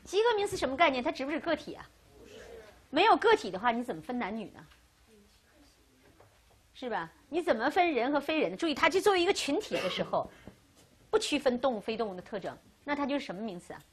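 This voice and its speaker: A woman teaching a Russian grammar class, lecturing lively and asking questions she answers herself. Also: sits high, fast talker, pauses often, a little hiss or hum.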